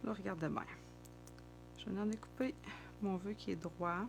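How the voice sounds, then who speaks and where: A woman's voice: mid-range voice, moderate pace, gravelly, soft background music. A middle-aged woman with a Québécois French accent, chatting casually and thinking aloud as she demonstrates card making.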